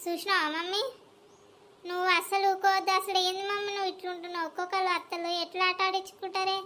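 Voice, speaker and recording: A woman's voice: very high-pitched, level tone, bright, forceful tone. A woman with a Telangana accent playing a sly, meddling young married daughter in a village skit. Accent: Telangana Telugu. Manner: quick, teasing and meddling. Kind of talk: village comedy skit acting.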